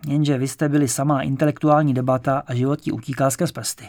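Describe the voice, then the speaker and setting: A man reading an audiobook, voicing a brash, loud and teasing male poet character. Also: medium pitch, level tone, dry recording, clean studio sound, lightly acted. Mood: boisterous.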